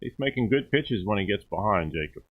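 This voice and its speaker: A man's voice: lowish voice, animated. A man with a New York accent giving easygoing, analytical color commentary on a baseball game. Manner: analytical, easygoing, a little halting. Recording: tinny phone-like stream audio.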